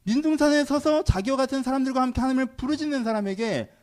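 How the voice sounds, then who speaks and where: A male pastor preaching a sermon, firing rhetorical questions at his congregation and swinging between loud exhortation and quiet asides. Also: extremely high pitch, quick pace.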